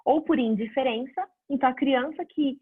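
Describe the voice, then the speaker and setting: Woman teacher, fairly high, breathy voice, dry phone-quality sound, chatty and explanatory. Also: normal speed, no echo. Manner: conversational, answers viewer questions, lively examples. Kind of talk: casual online class.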